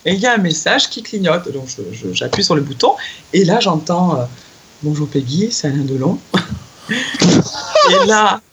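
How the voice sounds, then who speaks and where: A middle-aged woman telling a personal anecdote in casual chat, laughing often and acting out the quotes with excitement. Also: on the low side, normal speed, noisy background. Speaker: guest telling a personal story.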